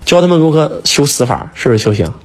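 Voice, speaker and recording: A husky-voiced man talks quickly and emphatically, firing rhetorical questions at his listener. His pitch sits low but swings widely as he presses each point. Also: sing-song. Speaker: speaker, teacher. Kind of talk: casual preaching chat.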